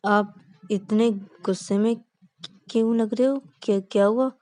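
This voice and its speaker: A woman voicing an earnest younger sister in a narrated story, pleading and explaining gently. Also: mid-range voice, fairly even intonation, unhurried, dry recording, pitched above the performer's own voice, close to an everyday voice. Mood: soothing.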